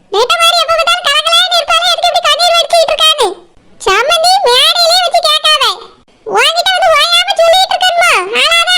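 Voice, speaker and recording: A bossy, scolding village mother from a cartoon, speaking in a Kanyakumari Tamil accent, voiced by a woman. Her voice is pitched extremely high and shrill. She nags and orders people about. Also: heavy background noise.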